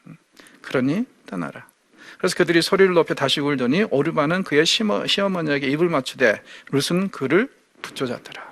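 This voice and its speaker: Gravelly, higher-pitched man teaching the Bible. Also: fairly quick, fairly bright tone, no echo. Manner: asks the audience rhetorical questions; acts out quoted speech vividly. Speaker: Bible lecturer. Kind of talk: Bible lecture.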